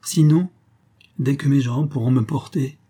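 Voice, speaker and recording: A male narrator voicing a weak, recovering Italian nobleman in exile who speaks calmly and firmly. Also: mid-range voice, slightly rough, voice pushed up. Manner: calm, measured, decided.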